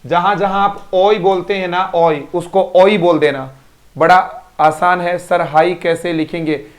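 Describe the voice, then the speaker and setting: In a live online class, a male English teacher with a high voice speaks at a measured pace with fairly even intonation. He repeats words to drill pronunciation and praises students by name.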